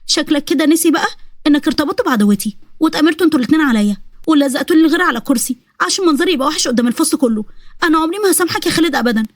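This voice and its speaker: Woman doing sassy egyptian teen girl, high voice, rattles off comebacks. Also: expressive, racing, no room sound, clean studio sound. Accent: Egyptian Arabic. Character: sharp-tongued teenage girl, proud.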